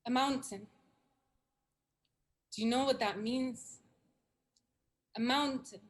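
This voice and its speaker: A woman from Syria, a poet, talking over a video call and then reading spoken word poetry in an earnest, measured way with dramatic repetition. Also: on the high side.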